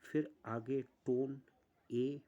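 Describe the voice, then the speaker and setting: A man teaching an online music lesson, explaining step by step with pauses. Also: mid-range voice, steady tone, dark tone, highs cut off.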